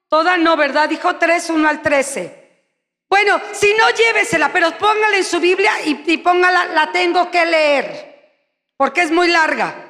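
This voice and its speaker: A woman pastor preaching a sermon in an animated, conversational way, acting out little scenes. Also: sits high. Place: church. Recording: echoey church hall.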